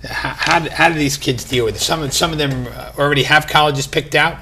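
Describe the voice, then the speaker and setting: A man's voice: on the high side, steady tone, a little fast, bright, forceful tone, husky. A man hosting a local TV interview, asking chatty, enthusiastic questions. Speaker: local TV host. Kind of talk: casual interview.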